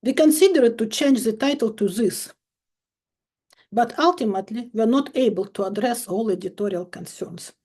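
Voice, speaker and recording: Woman from Ukraine, fifties, professor, recorded keynote lecture, dry ironic emphatic delivery, warm tone. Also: a little high. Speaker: chemistry professor giving a keynote.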